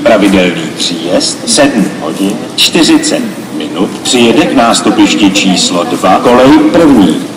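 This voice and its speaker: A man makes a formal, scripted station announcement at a measured, official register. His fairly low voice arrives from a distance with clear echo. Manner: formal, measured reading of train information. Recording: noisy echoing station loudspeaker from far off.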